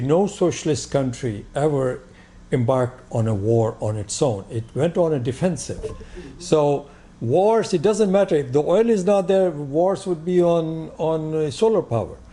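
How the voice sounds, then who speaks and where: A man's voice: a little high, warm tone. A man moderating a panel discussion, speaking in firm, brief points. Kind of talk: discussion talk.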